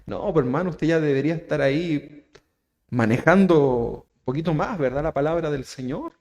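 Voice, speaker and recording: A man with a Chilean accent preaches to his congregation as their pastor, his voice sitting a little high. He keeps asking his listeners questions and checking in with "¿verdad?", pushing key phrases up loud and then dropping to quiet asides. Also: expressive, moderate pace. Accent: Chilean Spanish. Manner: preaching with rhetorical questions, frequent "¿verdad?", rising emphasis and soft asides. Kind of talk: sermon. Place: church.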